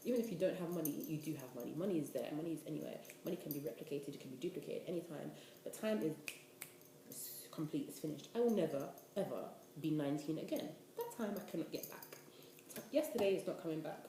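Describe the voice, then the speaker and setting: A woman's voice: deep voice, lively intonation, quick pace, mellow, slight background noise. Chatty twenty-year-old woman. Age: 20s. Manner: chatty, rambling, lots of "like". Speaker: vlogger. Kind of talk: casual talking-head vlog. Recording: echoey room.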